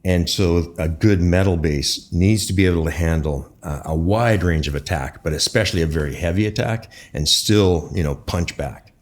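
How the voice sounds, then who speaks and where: Deep-voiced man explaining thoughtfully. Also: a little hiss or hum. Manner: thoughtful, halting explanations with pauses. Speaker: guest expert, bass maker. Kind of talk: conversational interview answers.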